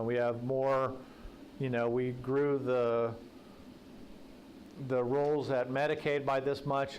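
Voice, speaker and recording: A political journalist appears as guest speaker at a breakfast event, giving a conversational, folksy talk full of anecdotes and joking asides. His voice is mid-range and a little mellow, and the rough recording has a little hiss or hum.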